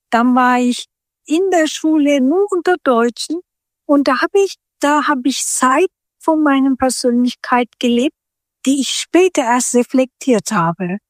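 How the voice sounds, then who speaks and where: In a reflective interview conversation, a middle-aged guest from Turkey, whose first language is Turkish, speaks in a high voice at a slow pace. She keeps restarting her sentences while searching for words. The recording is close and dry, with no echo or room sound.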